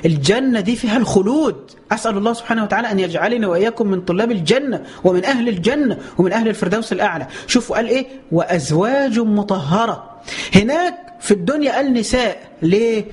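An Egyptian-accented man preaches in a high, quick voice, in a lively colloquial way. He piles up rhetorical questions and drawn-out exclamations, then slows down to recite scripture. The pace stays brisk between the recitations. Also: breathy edge. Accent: Egyptian Arabic. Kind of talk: colloquial religious lesson with slow scripture recitation.

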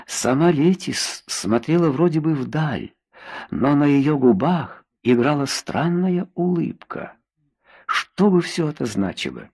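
A man's voice: a little high, lively intonation, takes it slowly, gravelly, darkish tone, slightly rough. A man narrating an audiobook in the first person, reading expressively.

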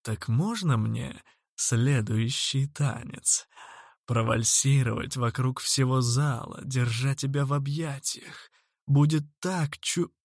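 A man's voice: a little high, expressive, unhurried, fairly bright tone, no room sound, clean studio sound. A man voicing a fussy adult male suitor who purrs sweetly when courting and snaps when annoyed. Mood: purring. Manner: syrupy, purring when wooing, snappish when annoyed.

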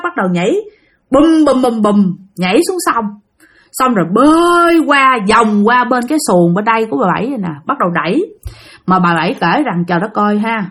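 A woman's voice: mid-range voice, fairly bright tone. A young adult woman hosts a ghost-story channel. She narrates in a loose, chatty way and keeps addressing her listeners directly.

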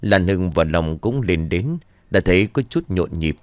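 A man narrating a somber village ghost story in a steady storytelling manner. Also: low voice, a little slow, no echo, studio quality.

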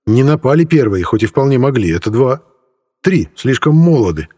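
A man narrating an adventure story in an even storytelling manner. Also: medium pitch, moderate pace, husky. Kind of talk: audiobook narration. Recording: long reverb.

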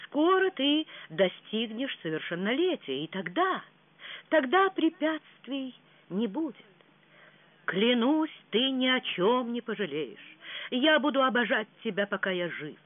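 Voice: mid-range voice, sing-song, a little slow, voice pushed up. A reader voicing a passionate young prince who makes insistent vows of love, in an audiobook. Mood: ardent. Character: ardent young prince, impatient lover. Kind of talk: audiobook reading. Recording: tinny phone-like sound.

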